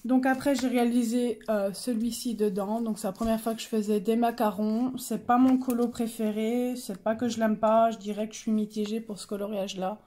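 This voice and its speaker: A woman's voice: a little high, fairly even intonation, fairly quick, few pauses, mellow. A young woman casually showing her coloring pages, chatty and hesitant, with many fillers and self-corrections. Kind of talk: casual show-and-tell.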